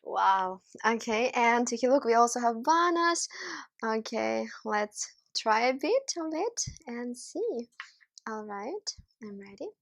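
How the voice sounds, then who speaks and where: Slow-talking woman tasting food. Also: on the high side, sing-song. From Ukraine. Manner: enthusiastic, savoring food with many appreciative hums. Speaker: vlog host. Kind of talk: casual food-tasting vlog.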